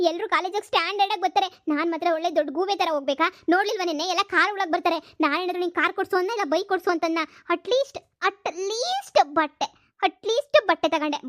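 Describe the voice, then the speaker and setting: A woman voicing a sulky, vain young wife from a village who has started college, whining and snapping in a cartoon comedy. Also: extremely high pitch. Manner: whiny, sulking, sharp-tongued.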